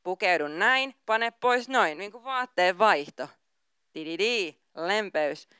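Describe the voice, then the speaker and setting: A woman's voice: medium pitch, lively intonation, bright, forceful tone, smooth, no room sound, studio quality. A woman pastor giving a sermon, reading scripture aloud and then talking casually and informally.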